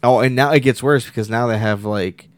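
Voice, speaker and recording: A man's voice: mid-range voice, a little fast. A man co-hosting a podcast in casual, joking banter, his voice clipping and distorting the microphone. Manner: joking, swears freely, loud bursts. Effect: clipping, distorted mic signal. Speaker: podcast co-host. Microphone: close podcast microphone.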